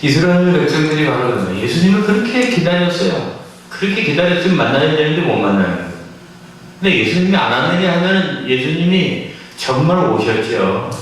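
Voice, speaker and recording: A man's voice: fairly high pitch, very animated, a little fast, recorded from a distance, slight background noise. A male pastor preaching a Christmas sermon in a church, emphatic and full of rhetorical questions to the congregation. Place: church sanctuary. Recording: echoey church hall from afar.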